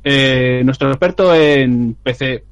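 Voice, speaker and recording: A man moderating a casual podcast chat among friends, teasing the others with deadpan jokes. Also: medium pitch, slow pace, clean tone. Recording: slightly dull lo-fi audio.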